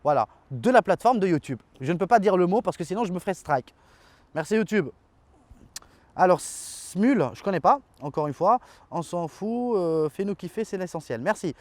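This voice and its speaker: A man's voice: high voice, animated, normal speed, darkish tone, dry recording. A man, chatting casually as a tech video host reading viewer comments, loose and informal with frequent fillers and slang. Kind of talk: casual chat.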